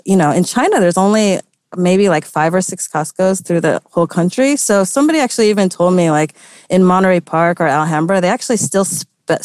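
A woman's voice: lowish voice, a little mellow, no echo, studio quality. A young American woman journalist answering interview questions in a chatty, casual way, full of filler words and light laughs. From United States. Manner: chatty, lots of "like" and "you know", light laughs. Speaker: journalist guest.

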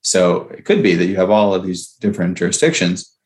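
A man's voice: deep voice, animated, a little fast. A man speaking as a startup founder in a conversational interview, explaining step by step and checking in with "right?" and "okay?".

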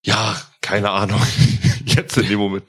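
A man co-hosting a casual podcast, telling lively anecdotes with casual swearing. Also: on the low side, a little slow. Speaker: podcast co-host.

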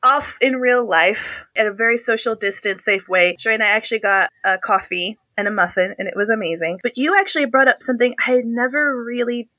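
An animated woman from the United States hosts a casual chat, laughing easily and pitching her questions upward. Her voice is bright and a touch high. The sound is close and dry, with no room around it. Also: fairly quick, hardly any pauses, dry recording.

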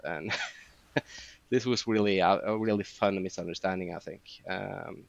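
A man's voice: low voice, unhurried, gravelly, no room sound, lo-fi sound. A man chatting as a podcast guest, telling long rambling stories with many fillers. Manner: rambling storytelling with frequent fillers. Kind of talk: casual podcast chat.

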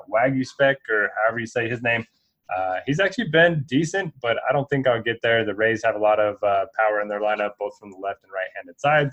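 Lower-voiced man on dull, lo-fi audio. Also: a bit bright. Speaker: co-host. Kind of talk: casual podcast sports talk.

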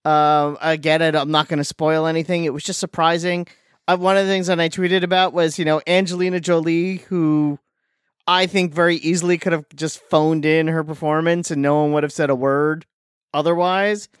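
A man's voice: a little high, little pitch movement, moderate pace, clean tone, no room sound, studio quality. A man co-hosting a podcast in casual chat, talking in a chatty, hesitant way with many restarts. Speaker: podcast co-host.

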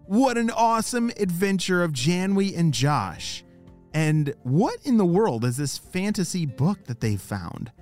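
Animated kids show host, playful storyteller. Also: medium pitch, unhurried, soft background music.

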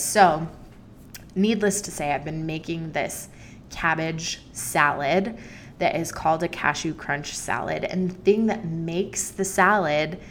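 A woman's voice: sits low, slight background noise. A young adult woman hosting her solo podcast, chatty and enthusiastic with playful emphasis. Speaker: podcast host.

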